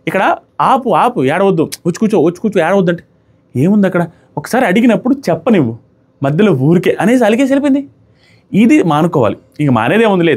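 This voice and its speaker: Fast-talking man reviewing a reality show. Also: a little high, darkish tone. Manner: argumentative, asks pointed rhetorical questions. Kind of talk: opinionated episode review.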